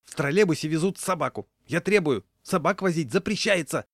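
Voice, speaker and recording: A man's voice: mid-range voice, big pitch swings, fairly quick, no echo, studio quality, voice pushed up. A man voicing a fussy, nervous male passenger in a humorous story, shrieking indignant complaints.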